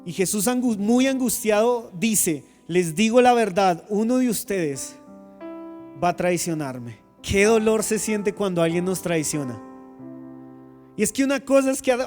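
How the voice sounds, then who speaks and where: A man with a high voice preaches a sermon to his church. He calls on the congregation to repeat lines after him and acts out each quote with drama. Faint instrumental music plays behind him. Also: darkish tone. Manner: preaching with call-and-response, dramatic quoted speech. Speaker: guest pastor.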